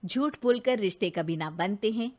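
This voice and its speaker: A woman narrating a cartoon moral story in a measured storytelling manner. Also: mid-range voice, lively intonation.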